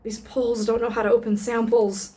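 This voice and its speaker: This burlesque performer's voice is on the high side and mellow, with a flat delivery at a moderate pace. She chats loosely on her vlog while trying perfume samples, thinking out loud, dropping lots of fillers and the occasional swear word.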